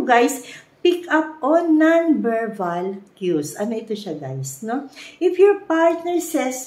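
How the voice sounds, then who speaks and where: A woman's voice: on the high side, darkish tone, echoey room. A Filipino woman giving casual relationship advice to her viewers, mixing Tagalog and English and often asking "di ba?". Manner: mixes Tagalog and English, frequent "guys, no?" and "di ba?" tags, laughs often. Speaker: vlogger.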